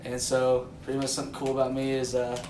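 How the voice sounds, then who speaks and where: A man's voice: mid-range voice, monotone, fast, distant mic, background noise. A young man hosting a podcast among friends, rambling with lots of fillers and laughing often. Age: young adult. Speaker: podcast host. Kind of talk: casual chat among friends. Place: room in a house. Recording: echoey room, voice from off mic.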